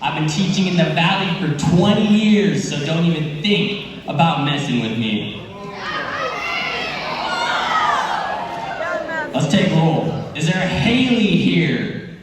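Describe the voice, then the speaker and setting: A man plays a flustered substitute teacher in a school comedy skit, easily riled and full of threats. His voice is high and he drags out his words in exasperation. It carries from a distance through a big hall with long reverb. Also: expressive, noisy background. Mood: stern. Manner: flustered, exasperated, threatening, drawn-out name calling. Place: large indoor school assembly hall.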